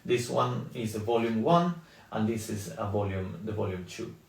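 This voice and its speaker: A middle-aged man from Spain talks in English, stopping often with ums and restarts as he chats on a live stream. His voice is low with a gravelly edge. He sits a little back from the mic in an echoey room. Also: recorded from a distance. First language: Spanish. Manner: halting, many ums and restarts. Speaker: toy designer on a live stream. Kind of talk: casual live stream chat.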